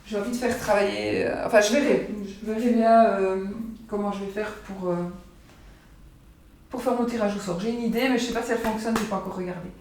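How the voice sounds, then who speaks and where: A woman's voice: mid-range voice, steady tone, brisk, darkish tone, a little hiss or hum. Woman, casual vlog chat, rambling with fillers, home kitchen, roomy echo, distant mic. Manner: rambling, chatty, repeats herself and uses many fillers. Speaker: psychic vlogger presenting her oracle cards.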